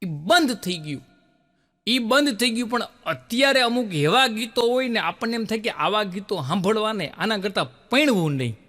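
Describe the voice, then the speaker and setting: A man's voice: moderate pace, big-room sound. A middle-aged man, telling folk-style jokes on stage and acting out the people in them. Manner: lively storyteller, acts out characters with pitch jumps. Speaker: stand-up comedian telling jokes.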